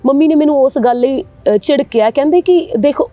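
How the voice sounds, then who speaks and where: A woman's voice: sits high, normal speed, dark tone, no room sound. A woman in her thirties, a poet and writer, answering interview questions in a thoughtful, storytelling way. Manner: thoughtful, tells anecdotes at length.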